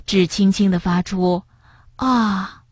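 A woman reading a children's story aloud, gentle and expressive. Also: medium pitch, a little slow, husky, no echo.

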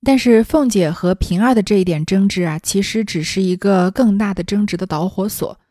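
A woman's voice: mid-range voice, normal speed, mellow, dry recording, clean studio sound. A woman reading a classic novel aloud and adding chatty, explanatory commentary. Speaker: storyteller.

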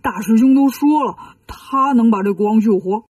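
A woman voicing a lazy, greedy pig-man monk who whines and pleads in drawn-out tones, for a children's story. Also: fairly high pitch, a little mellow, husky, dry recording. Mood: whining.

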